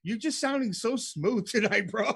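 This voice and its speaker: A man's voice: very high voice, moderate pace, vocal fry, a bit bright, husky. A man hosting a radio show in casual, slangy, buddy-like chat, often calling people bro.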